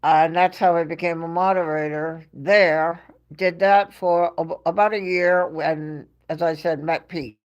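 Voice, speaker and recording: A livestream host with a New York accent chats casually with her live chat audience, telling stories and laughing often between phrases. Her voice is lowish, with fairly even intonation and a measured pace, and the highs are cut off.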